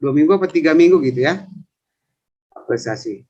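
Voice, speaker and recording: In lo-fi video call audio, a civil service trainer in his fifties gives a chatty, rambling self-introduction for an online coaching session. His voice is a little high with a dark tone, and he talks animatedly and fairly quickly.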